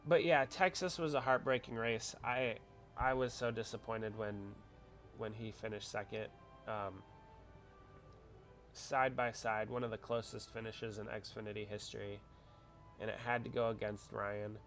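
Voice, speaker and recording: Soft background music plays behind this livestream host, whose voice is on the low side, fairly even in intonation, a little slow, and fairly bright. A married adult man nursing a cold, he rambles and chats with viewers, reading their comments aloud.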